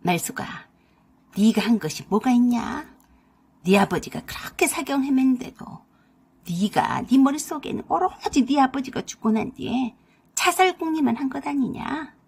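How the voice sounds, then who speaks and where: Woman doing a stern old mother-in-law, low and booming, slow and scolding, breathy edge, storybook radio drama. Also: expressive, exaggerated voice. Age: older.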